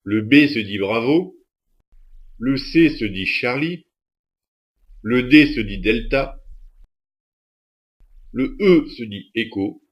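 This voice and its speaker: Male instructor, scripted lesson narration, even methodical read. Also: mid-range voice, slow pace, pauses often, lo-fi sound. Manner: steady, methodical delivery.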